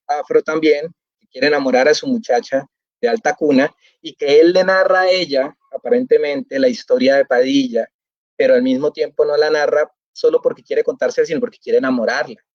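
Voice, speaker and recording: A man talks through his ideas slowly and reflectively, pausing on fillers as he hunts for the right word. His voice sits fairly high for a man. The audio is dry and a little dull, as if from a lo-fi online call. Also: no echo. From Colombia. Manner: thoughtful, searching for words with frequent fillers. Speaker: novelist guest. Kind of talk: reflective festival interview.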